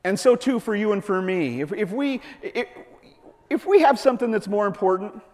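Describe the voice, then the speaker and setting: A man preaching a sermon, lively and playful, acting out the voices of the people in the story. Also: high-pitched, moderate pace. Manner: animated, playful, acts out voices of Bible figures. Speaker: pastor. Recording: long hall reverb.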